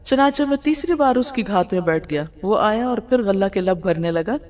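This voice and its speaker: In this recording with long hall reverb, a woman lectures on hadith as an Islamic teacher. Her medium-pitched voice is expressive and a little mellow; she asks rhetorical questions and mixes English words into what she says.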